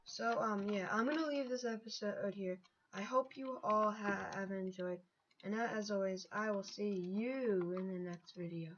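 A woman casually narrating her gameplay as a channel host, rambling with many fillers and sudden excited outbursts. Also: medium pitch, normal speed, highs cut off, a little hiss or hum.

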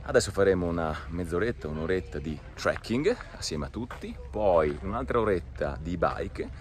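Talking to his audience in a low voice at a normal pace, an Italian-accented man gives casual, enthusiastic vlog commentary on cars he spots outdoors in a mountain town. Music plays in the background, and he sounds excitable throughout.

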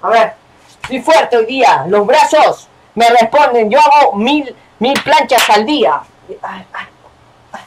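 A young man commenting on his own gameplay in a casual, excitable way. His pitch leaps all over the place as he yells and curses at the game. A faint hum of background noise sits under his voice. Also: measured pace. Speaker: gaming channel host.

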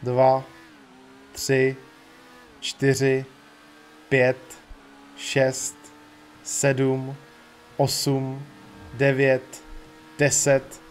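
A young man from Czechia giving casual, chatty commentary while playing a video game, thinking aloud and breaking into excited exclamations. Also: mid-range voice, pauses often, a little hiss or hum. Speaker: gaming YouTuber. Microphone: USB studio mic.

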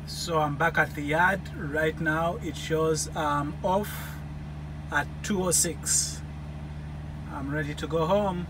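Slowly and in a steady, slightly high voice, a man around forty talks to his viewers as a truck-driving vlogger, explaining things and offering advice. It's a noisy handheld recording, phone or camera at arm's length, with vehicle sounds, made mostly in the cab and some outdoors.

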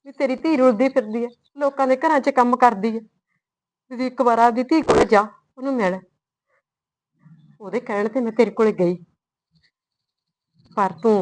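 A woman's voice: on the high side, lightly acted, low-quality recording. Woman playing a worried village mother. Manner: pleading, emotional scolding. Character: worried rural mother, firm yet loving. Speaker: mother of the heroine. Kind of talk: village short-film drama.

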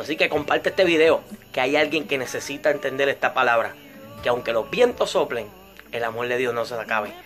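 Pastor guy preaching a testimony, earnest, mid pitch, music going behind him. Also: sharp tone. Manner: earnest, storytelling with quoted dialogue. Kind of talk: sermon testimony.

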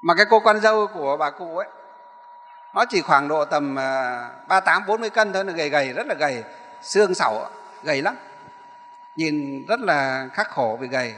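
Brief: high, bright monk telling a sermon story, rambling, hall echo. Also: male voice, expressive, moderate pace, slight background noise. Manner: rambling, repeats and corrects himself. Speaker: Buddhist monk, abbot. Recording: echoey hall.

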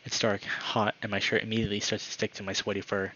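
Low-voiced man reading a story aloud. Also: flat delivery, quick pace, bright, forceful tone, highs cut off, a little hiss or hum. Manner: dramatic story reading with casual asides. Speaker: gaming YouTuber. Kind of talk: reading a visual novel aloud.

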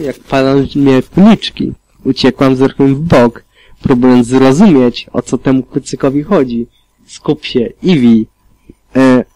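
A man reading a fan fiction audiobook aloud in a calm, steady manner with occasional slips. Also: mid-range voice, no room sound, poor audio. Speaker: audiobook reader.

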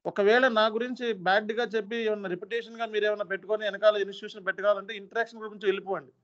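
A man in his thirties, an SAP training instructor, making a stern, earnest appeal to his trainees and repeating points for emphasis. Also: sits high. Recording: dull lo-fi sound.

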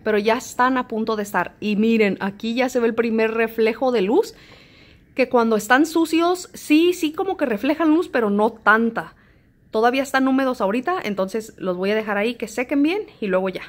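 A woman, chatting to camera in a home vlog and telling stories in an animated way. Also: a little high, brisk. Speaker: home vlogger. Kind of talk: casual chat to camera.

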